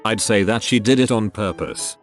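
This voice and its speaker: A man narrating forum stories in a flat read-aloud delivery. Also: lowish voice, moderate pace. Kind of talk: scripted narration. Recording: faint music underneath.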